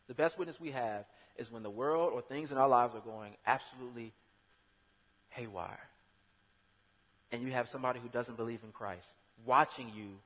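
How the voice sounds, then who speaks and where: A man delivers a sermon in a husky voice of middling pitch. He keeps it conversational but punches key words loudly. The sound carries a long hall reverb. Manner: conversational, with sudden loud emphatic bursts. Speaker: preacher.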